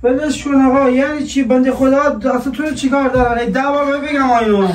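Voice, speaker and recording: A man's voice: very high-pitched, steady tone. A man playing a husband in a comic home skit, scolding and exasperated. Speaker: husband in a staged prank skit. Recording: roomy room sound from mic distance, noise.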